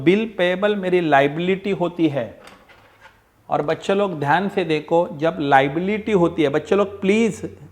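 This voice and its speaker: A man's voice: on the high side, a little mellow. A man teaching an online accounts class, coaxing his students and acting out their replies, mixing Marathi, Hindi and English.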